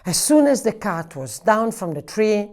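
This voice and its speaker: A woman working as a library storyteller, reading a picture book aloud to children in an animated way and acting out the sound effects. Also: mid-range voice, measured pace.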